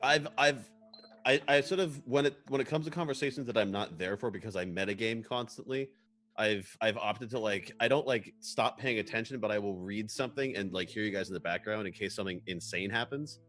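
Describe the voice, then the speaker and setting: Low, stammering player man. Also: a little fast, fairly bright tone, faint music behind. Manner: stammering restarts, self-deprecating. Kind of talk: casual chat.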